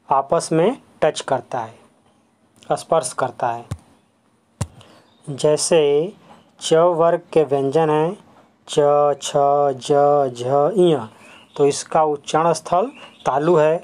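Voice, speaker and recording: A school teacher walks through a grammar lesson at an unhurried, deliberate pace, at a middling pitch. Each term is said twice, with English words slipped in. Questions are put to the class and answered straight away. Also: a little mellow. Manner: explains step by step, repeating each term; asks the class quick questions and answers them. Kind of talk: classroom lesson on letters and sounds.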